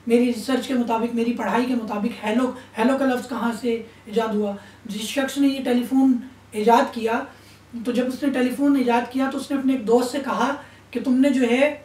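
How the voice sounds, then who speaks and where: A woman's voice: a little high, darkish tone. Stern woman preaching in an echoey room. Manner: stern, admonishing tone. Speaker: religious speaker. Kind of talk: Islamic sermon. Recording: roomy echo, distant mic.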